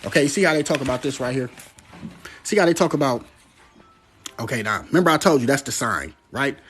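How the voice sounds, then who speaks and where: A husky, medium-pitched man talks briskly on a casual livestream, preaching about prophecy. He gets excitable and preachy, swears freely, and keeps tossing in "right?"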